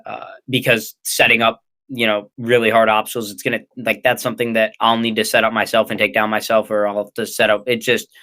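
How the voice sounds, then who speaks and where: A man's voice: lowish voice, flat delivery, fairly quick, few pauses, sharp tone. A young man with an American accent, answering casually as an interview guest in a hesitant, rambling way. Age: young adult. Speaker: interview guest, ninja athlete and coach.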